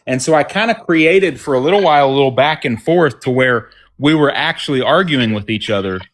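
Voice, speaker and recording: A man's voice: mid-range voice, expressive, a little fast, a bit bright. Chatty man with a mild Texan accent. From Texas. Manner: rambling, storytelling with restarts. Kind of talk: casual group chat.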